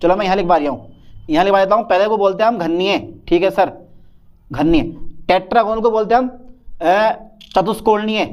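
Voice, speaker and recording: A man's voice: sits high, darkish tone, muffled recording. A male chemistry teacher giving a chatty, playful board lecture in a Hindi accent, teasing and coaxing his students as he writes. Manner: chatty, playful, addresses students as beta and sahab. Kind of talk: chalkboard lecture.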